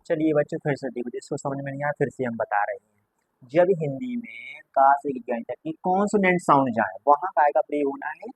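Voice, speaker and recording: A man's voice: mid-range voice, a little fast, husky, rough recording. A man teaching a grammar class to students, patiently going over each point again and again. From India.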